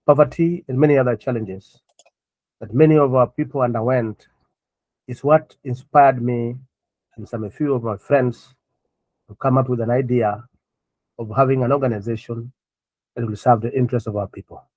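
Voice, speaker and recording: A middle-aged man from Kenya, a guest on a remote interview, speaking earnestly and in measured phrases with frequent pauses. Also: medium pitch, fairly even intonation, a little mellow, dry recording, highs cut off. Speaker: guest, NGO founder.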